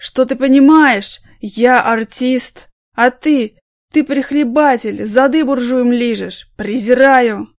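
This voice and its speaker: A woman voicing a drunk, bitter male former stage actor who slurs, shouts and pities himself. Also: fairly high pitch, a little slow, dry recording, clean studio sound, close to an everyday voice. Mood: drunken rant. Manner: slurred, shouting, self-pitying.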